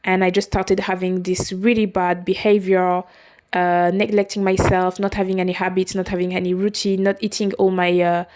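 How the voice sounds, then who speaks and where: A podcast host in her twenties, not a native English speaker, tells her own story in a halting, confessional monologue, often restarting and correcting herself. Her voice is fairly low and darkish, with little pitch movement.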